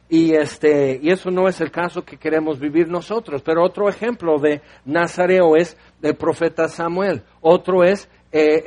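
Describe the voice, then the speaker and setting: A man preaching a sermon, reading Bible verses and explaining them with conversational, playful asides. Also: on the high side.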